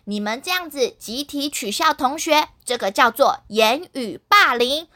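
A woman's voice: sits high, expressive, measured pace, sharp tone, full character voice. A woman voicing a firm, caring girl class monitor who lectures classmates in a children's story. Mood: scolding. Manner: scolding, lecturing.

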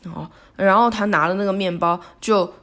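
A woman talks alone on her podcast. Her reflective monologue is halting and remorseful, and she often stops and restarts her sentences. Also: mid-range voice, fairly even intonation, fairly bright tone. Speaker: podcast host.

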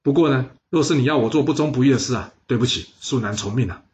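A man's voice: mid-range voice, fast, natural voice. A man voicing a brave, loyal warrior who speaks with earnest conviction, recorded with slightly dull audio. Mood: calm. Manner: earnest protest, then calm and resigned.

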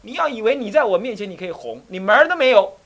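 A man's voice: sits high, fast talker. A middle-aged man from Taiwan, an abbot giving a Buddhist dharma talk, telling stories vividly, acting out scoldings and asking his listeners questions. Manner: animated storytelling, acts out scolding voices, asks the listeners questions.

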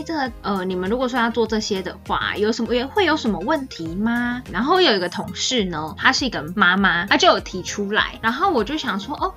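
A woman, co-hosting a podcast and telling a rambling story in casual chat. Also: mid-range voice. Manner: animated, rambling, acts out quoted dialogue.

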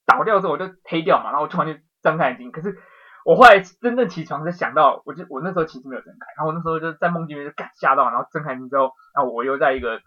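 A man tells a dream in a rapid, excitable rush that tumbles from one scene to the next. His voice sits on the high side. The recording sounds dull and lo-fi, like a home podcast. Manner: excitable storytelling, rapid, swears casually. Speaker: podcast co-host. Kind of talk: casual chat, telling a dream.

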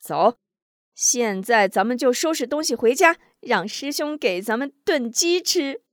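A woman's voice: on the high side, animated, measured pace, dry recording, studio quality, voice pushed up. Fields: Figure: hot-headed young martial artist, voiced by a woman. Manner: urgent. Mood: urgent, excited.

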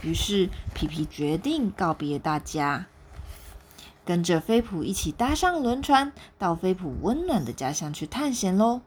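A woman reading a children's picture book aloud as a storyteller, with gentle, expressive narration. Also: on the low side, a little slow, slight background noise.

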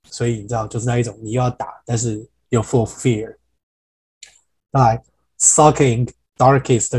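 A man teaching English in a podcast lesson. He reads song lyrics slowly, repeats words to show how they are pronounced, and explains each line in detail. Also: mid-range voice, mellow, husky, poor audio.

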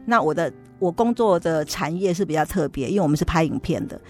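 A middle-aged woman with a Taiwanese Mandarin accent, telling a lively personal story as an interview guest. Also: low-pitched, fast talker, faint music behind. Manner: lively storytelling, acts out quoted voices. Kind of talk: casual testimony storytelling.

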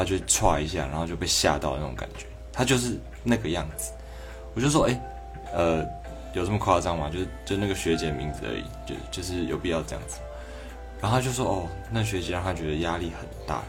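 Low-voiced Taiwanese man giving reflective advice. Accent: Taiwanese Mandarin. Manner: reflective, conversational, acting out quoted people. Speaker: doctor. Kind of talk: livestream advice talk.

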